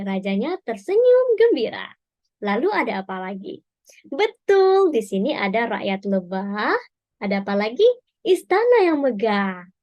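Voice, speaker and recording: A woman from South Sumatra, Indonesia, telling a storybook read-aloud to children, animated and asking them questions. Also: a little high.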